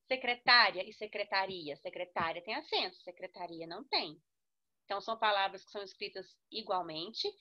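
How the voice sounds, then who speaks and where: A woman's voice: mid-range voice, sharp tone, highs cut off. A woman with a Brazilian Portuguese accent teaching a grammar lesson, stressing syllables and checking in with students often. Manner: instructive, with frequent check-ins and spelled-out syllables.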